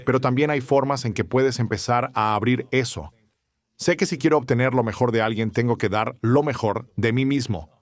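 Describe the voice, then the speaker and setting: A man's voice: mid-range voice, normal speed, dry recording. Conversational man hosting an interview. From Ohio. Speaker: podcast host.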